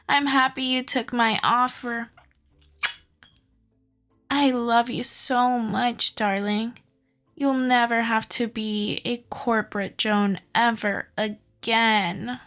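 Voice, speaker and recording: Faint music plays behind a fairly high female voice moving at a slow pace. In this ASMR audio roleplay she portrays a lovestruck, obsessive kidnapper, sweetly possessive, coaxing and doting in a reassuring but gently controlling way.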